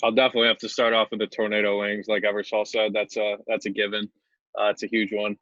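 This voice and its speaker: A man's voice: lowish voice, completely flat delivery, quick pace, fairly bright tone, no echo, lo-fi sound. A man, a former assistant baseball coach, speaking enthusiastically and earnestly on a video call. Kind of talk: casual video-call interview.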